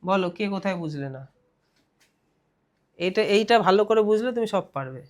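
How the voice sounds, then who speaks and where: A man's voice: high-pitched, expressive, normal speed. A young man with a West Bengal Bengali accent, teaching a grammar lesson for an exam. He keeps asking questions and answering them himself, drawing out the key words.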